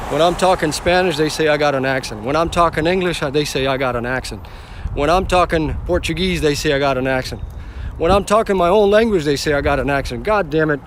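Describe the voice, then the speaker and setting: Speaking from inside a car on city streets, a rideshare driver from the former Yugoslavia livestreams and chats casually with viewers, rambling, repeating himself, and answering the chat. His voice sits fairly high, with a little hiss or hum in the recording.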